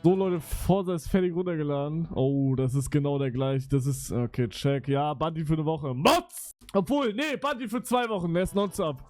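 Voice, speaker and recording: A young man streaming live, reading out chat messages in a mocking, casual way, swearing often and jumping between muttering and loud outbursts. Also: on the high side, moderate pace, no room sound.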